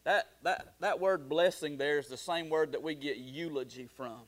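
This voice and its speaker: A man's voice: fairly high pitch, normal speed. A middle-aged man preaching a sermon in a folksy storytelling way, full of fillers and restarts. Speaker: pastor.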